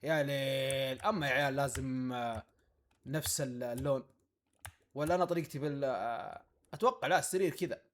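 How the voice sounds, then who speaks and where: A man's voice: medium pitch, fairly quick. A man giving casual let's-play commentary, talking to himself and to the animals in his game. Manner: talks to himself and the animals in the game, playful and excitable. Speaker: gaming YouTuber. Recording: faint game music behind.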